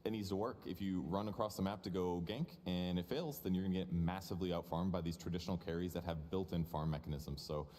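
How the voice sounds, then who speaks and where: A man's voice: sits low, steady tone, fast, hardly any pauses, warm tone. A man analyzing a match on a live esports panel. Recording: long hall reverb.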